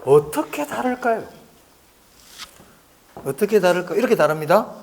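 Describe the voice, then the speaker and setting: Lively high-voiced male lecturer. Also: normal speed, vocal fry, slight background noise. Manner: conversational, asks the class questions and answers them himself; repeats key points for emphasis. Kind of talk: exam-prep lecture.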